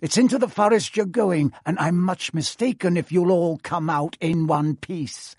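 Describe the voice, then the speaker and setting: A man's voice: high voice, normal speed, darkish tone, husky, no echo, clean studio sound, voice pushed up. A man voicing a spiteful old caretaker who sneers with nasty glee. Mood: gleeful.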